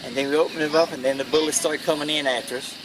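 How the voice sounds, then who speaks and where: An elderly man with a Kentucky accent recalling war service in a plain-spoken, halting interview style. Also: a little high, steady tone. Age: elderly, 80s or older. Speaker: World War II veteran being interviewed. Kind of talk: first-hand war recollection. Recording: noisy, distant mic, vehicle-like background noise.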